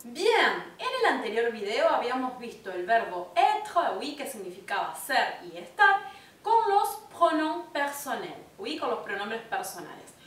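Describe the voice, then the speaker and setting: High, lively woman teaching French. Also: unhurried. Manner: lively and patient, checks in with frequent "¿bien?". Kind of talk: online language lesson. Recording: echoey room, mic at a distance, faint rumble.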